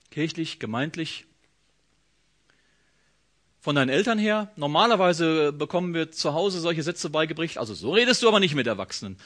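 Guy preaching a sermon, fairly high voice, really expressive, acts out the quotes. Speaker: pastor.

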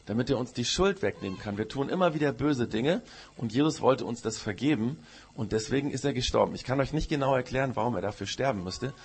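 Husky man telling children a story. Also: medium pitch, lively intonation, quick pace. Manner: storytelling to children, asks questions, uses "gell". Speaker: pastor. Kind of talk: children's sermon in church.

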